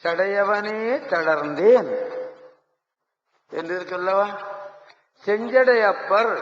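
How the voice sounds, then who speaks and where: Older male devotional lecturer, high bright voice, slow and rhetorical, dull lo-fi hall recording. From Tamil Nadu. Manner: rhetorical, asks and answers his own questions. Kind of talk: devotional lecture with sung verses. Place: large concert hall.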